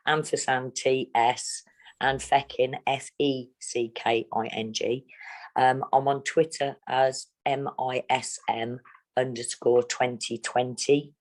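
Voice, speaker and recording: A middle-aged woman from England, speaking bluntly and steadily as an interviewee. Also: a bass voice. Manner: blunt, plain-spoken, measured. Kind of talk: candid interview.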